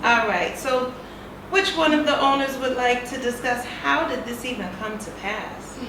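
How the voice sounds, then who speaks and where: A fairly high-voiced woman hosts a relaxed talk show interview, playful and quick to laugh. The sound is echoey, with clear background noise in the room. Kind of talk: casual interview.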